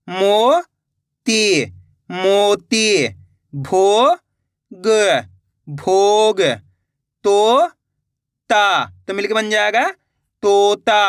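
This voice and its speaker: A man teaching a beginner reading lesson, sounding out words slowly syllable by syllable and talking directly to his viewers. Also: high-pitched, fairly bright tone, no echo, clean studio sound. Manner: slow syllable-by-syllable spelling, addresses viewers as friends. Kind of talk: video lesson.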